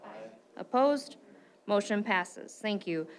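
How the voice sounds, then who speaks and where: A woman chairing a school board meeting, brisk and joking as she calls on members and runs the votes. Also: medium pitch, lively intonation, slight background noise.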